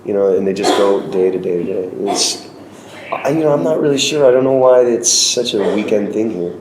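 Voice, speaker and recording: A Chicago man who plays guitar and sings in a band chats casually in an interview, rambling and repeating words as he thinks. His voice is on the low side, lively and a bit fast, recorded in a roomy, noisy music venue with crowd sounds.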